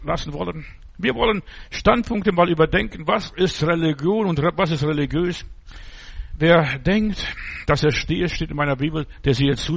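Gravelly husky guy preaching, blunt and mocking, choppy short phrases. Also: fairly high pitch. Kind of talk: informal sermon.

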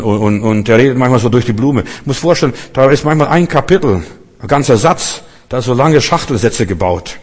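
A man's voice: mid-range voice, a little mellow, breathy edge. A man preaching a sermon in a chatty, rambling way, often repeating words as he restarts. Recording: long hall reverb.

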